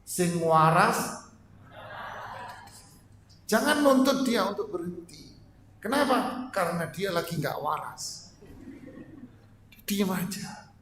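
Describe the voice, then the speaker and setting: A male religious teacher giving a joking, lively marriage lecture to an audience. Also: high-pitched, a little hiss or hum. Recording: echoey hall, faint ambience.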